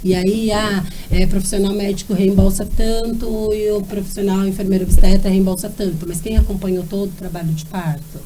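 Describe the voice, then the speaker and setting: A woman with a mellow, darker voice explains things calmly in a casual chat, sounding like a health professional. A faint noise runs behind her. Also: medium pitch, brisk, hardly any pauses. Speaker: obstetric nurse guest.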